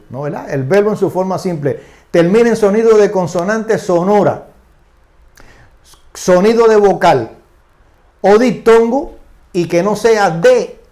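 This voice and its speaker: A man's voice: sits high, a little mellow. An older man teaching English grammar, patient and repetitive, checking in with "no? verdad? ok?" as he explains. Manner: patient, repeats tag questions "¿no? ¿verdad? ¿ok?".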